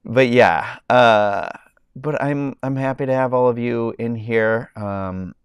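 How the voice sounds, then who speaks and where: Talking slowly in a clear, resonant mid-range voice, a man with a summer cold sounds nasal as he hosts a casual live stream and chats with viewers. He rambles, full of ums and restarts; the clip-on mic under his shirt yields studio-quality audio without echo.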